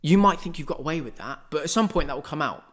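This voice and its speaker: A man's voice: fairly high pitch, lively intonation, fast talker, fairly bright tone. A man, hosting a casual spoken monologue in a rambling, conversational way full of asides. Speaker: podcast host.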